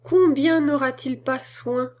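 A woman reading aloud and reciting the words of a stern old village priest, solemn and exhorting, in a slow, measured way. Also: sits high, steady tone, darkish tone.

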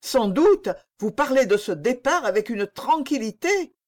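A woman's voice: fairly high pitch, very animated, measured pace, a little mellow, pitched above the performer's own voice. A woman reading an ardent young king. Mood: pleading. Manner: impassioned, exclaiming. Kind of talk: audiobook reading.

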